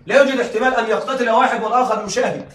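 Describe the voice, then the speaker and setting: A man's voice: very high voice, rapid-fire, a bit bright. A male teacher giving a classroom lecture, often checking that the class follows and laughing lightly as he explains. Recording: echoey room, mic at a distance.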